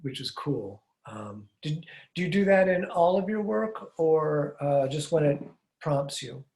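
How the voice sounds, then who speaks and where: The echoey room at home, fitted with blinds, is where this older man hosts his casual interview podcast, headphones on and a studio mic on a boom arm before him. Animated but measured and a little mellow, he asks curious, meandering questions that often trail off.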